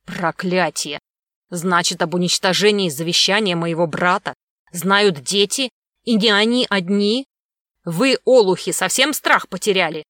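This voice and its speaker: Woman doing a snarling storybook villain prince, loud, slow, dry close sound. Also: on the low side, no echo, lightly acted. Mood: furious. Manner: loud, growling, slow menacing commands. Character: cruel scheming middle-aged male prince villain.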